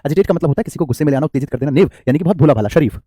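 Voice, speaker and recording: A man's voice: a little high, expressive, very fast, mellow, dry recording, clean studio sound. A man teaching English vocabulary in a live online class, chatty and joking, calling his students "beta" and reading their comments aloud.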